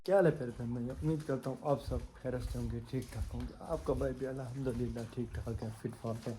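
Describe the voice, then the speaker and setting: A man's voice: medium pitch, little pitch movement, loud music behind the voice. A man hosting his vlog in a chatty, upbeat way, talking straight to his viewers while walking outdoors at night. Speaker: vlogger and channel host. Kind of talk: casual vlog chat.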